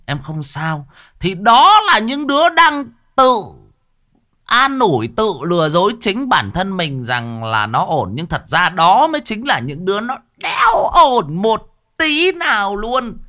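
Animated man. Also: high voice. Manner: animated, blunt big-brother advice, mocking at times. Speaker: streamer giving life advice. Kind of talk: casual livestream talk.

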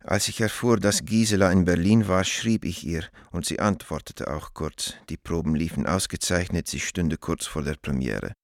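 This radio-drama character, an anguished middle-aged letter writer, sounds anxious and pleading as he addresses an old friend in gravely formal, measured yet urgent lines. His very low voice comes across close and dry, without room sound.

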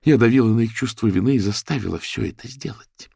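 A man's voice: mid-range voice, fast talker, gravelly, warm tone, husky, no room sound, clean studio sound, pitched above the performer's own voice. A man voicing a bitter, paranoid young single mother who speaks in a venomous, accusing way.

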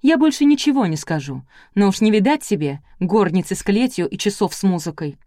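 A woman's voice: mid-range voice, expressive, a little fast, warm tone, dry recording, studio quality, lightly acted. A woman reading aloud, voicing a spiteful, sly village gossip with a terse, biting manner.

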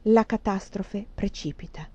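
A woman reading a novel aloud in expressive, dramatic literary narration. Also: mid-range voice, measured pace, husky, no echo. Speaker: reader. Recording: dull lo-fi dry sound.

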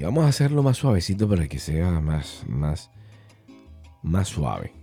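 A middle-aged man with a Venezuelan accent talks through his podcast in a playful, rambling way, slipping into voices for the slang he explains. His voice is deep and dark with a husky grain. Pitch leaps around lively, and soft guitar music plays underneath. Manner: playful, jumps between topics, acts out quoted slang voices. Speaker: podcast host. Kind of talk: casual monologue podcast.

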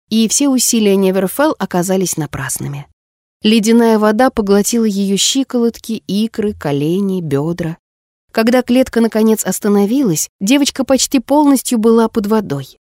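A woman narrating a story in a measured, expressive audiobook reading. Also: mid-range voice, dry recording, studio quality.

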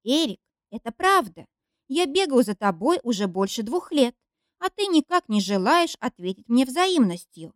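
A woman's voice: on the high side, very animated, normal speed, no echo, studio quality, voice pushed up. A woman reading an audiobook, voicing an emotional young woman who is jealous and accusing. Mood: pleading, jealous. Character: clingy, jealous young woman, shrill and pleading.

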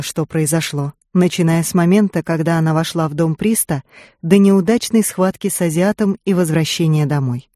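An audiobook reader giving calm, even scripted narration. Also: medium pitch, no room sound, clean studio sound.

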